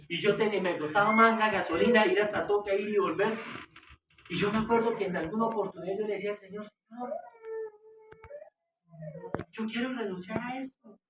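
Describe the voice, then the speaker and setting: A Colombian man preaching a passionate sermon as pastor, rising to loud emotional peaks. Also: fairly high pitch. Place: small house meeting room. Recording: echoey room, far from the mic, noisy.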